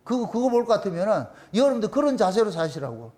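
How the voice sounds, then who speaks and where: A man's voice: high-pitched, very animated, fast talker, a little mellow. A man with a Gyeongsang accent preaching a sermon as pastor, emphatic and repetitive, asking the congregation questions and answering them himself. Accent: Gyeongsang Korean. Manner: repeats phrases for emphasis.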